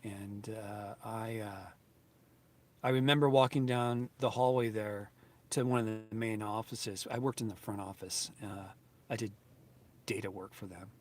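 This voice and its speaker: A man's voice: lowish voice, steady tone, unhurried, darkish tone. Earnest rambling man in his fifties. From United States. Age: 50s. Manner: earnest, rambling, grateful, with many restarts and fillers. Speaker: YouTube channel host. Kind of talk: casual vlog talk to viewers.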